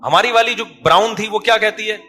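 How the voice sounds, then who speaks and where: A male preacher delivers a lively sermon, acting out voices in his anecdotes. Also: high-pitched, soft background music.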